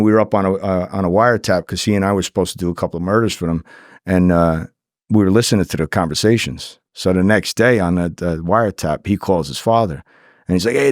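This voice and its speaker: Here a middle-aged man who used to work undercover guests on a podcast, speaking fast in a lowish voice. He spins casual anecdotes, performing the dialogue and swearing freely, captured in a dry, studio-quality recording.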